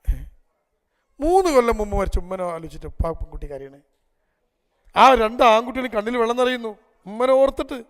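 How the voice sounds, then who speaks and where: A man speaks to a gathered audience in a high, smooth, resonant voice. He tells stories and turns to the crowd with rhetorical questions. His voice carries a long reverb from a large hall. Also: animated, fast. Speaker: public speaker. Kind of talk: storytelling family talk to an audience. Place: event hall before a live audience.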